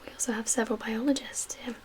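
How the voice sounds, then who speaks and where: In this ASMR roleplay, a woman plays a survivor camp's medical official who is calm yet guarded, speaking in a hushed, airy whisper with deliberate pauses. Her voice sits fairly high. The recording carries noticeable hiss and ambient sound.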